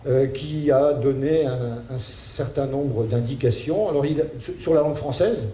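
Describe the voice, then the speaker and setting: A man giving a spoken lecture, halting, with many fillers and restarts. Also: mid-range voice, dark tone. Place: lecture hall. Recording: roomy hall sound with faint ambient noise.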